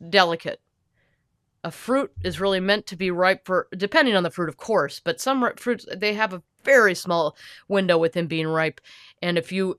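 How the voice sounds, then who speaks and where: A woman's voice: lowish voice, a bit bright, smooth, no echo, studio quality, natural voice. A woman playing a fussy perfectionist lecturing. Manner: fussy, emphatic, lecturing, quick to get heated. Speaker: podcast host in character. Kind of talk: comedic character podcast. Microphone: podcast microphone.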